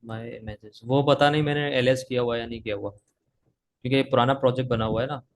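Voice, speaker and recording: A Pakistani man teaches coding over a live video call in a brisk, steady, medium-pitched voice. A sore throat keeps making him cough. He talks as he types and keeps checking in with "theek hai."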